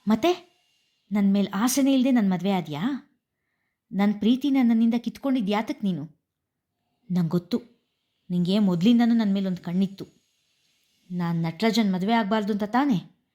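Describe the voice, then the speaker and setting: A woman's voice: medium pitch, normal speed, long pauses, natural voice. A woman voicing a bitter, resentful young wife in a spoken story. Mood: angry. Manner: sharp, resentful.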